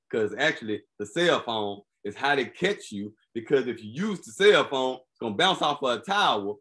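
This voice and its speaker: A man hosting a podcast, riffing on news stories in a casual, comedic, slangy way and constantly checking in with the listener. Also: mid-range voice. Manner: animated, slangy, keeps asking "you feel me". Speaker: podcast host.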